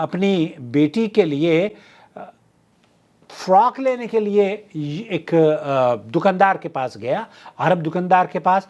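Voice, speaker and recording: Lively-voiced man explaining to viewers. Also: high-pitched, muffled recording. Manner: explains patiently, with drawn-out "aa" pauses. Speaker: channel host. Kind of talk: casual explanatory talk.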